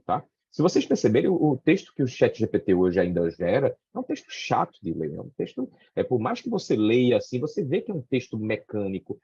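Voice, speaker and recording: A middle-aged man with a Brazilian Portuguese accent talks casually on a panel, with a mellow, slightly husky timbre. He keeps checking in with his listeners through tag questions and loose fillers. The recording is dry and dull. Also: fairly low pitch, dry recording.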